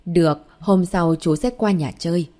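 A woman reading the lines of a calm, devoted young husband and father in an audiobook, with a gentle, reassuring manner. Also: sits high, normal speed, natural voice.

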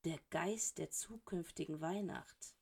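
A woman's voice: medium pitch, moderate pace, darkish tone, lightly acted. Woman reading a sardonic middle-aged wizard. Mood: teasing. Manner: dry, sardonic. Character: dry, sarcastic middle-aged male potions master. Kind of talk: audiobook character reading.

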